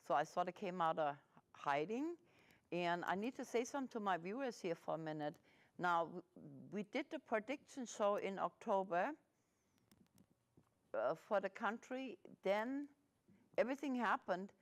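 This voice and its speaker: A woman's voice: medium pitch, animated, a little slow. A middle-aged woman hosting an interview, talking hesitantly with many fillers and restarts. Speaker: host. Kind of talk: casual interview.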